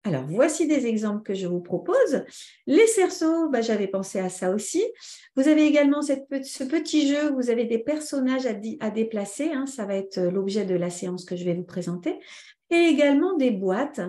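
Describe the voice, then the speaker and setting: A woman trainer giving a live online lesson, lively and answering viewers' comments by name. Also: fairly high pitch, normal speed, echoey room. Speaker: teacher trainer.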